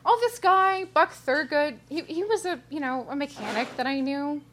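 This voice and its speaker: A woman's voice: high voice, normal speed, voice pushed up. A woman voicing a brash, lonely middle-aged woman who talks bluntly and animatedly. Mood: wistful. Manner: animated, blunt, rising and loud.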